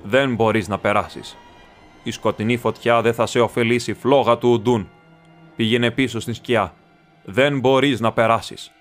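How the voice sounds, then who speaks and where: A man's voice: medium pitch, steady tone, faint music behind, close to an everyday voice. Gandalf, a man voicing a stern wizard. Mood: defiant. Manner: firm, commanding declarations. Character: ancient wizard, stern and unyielding.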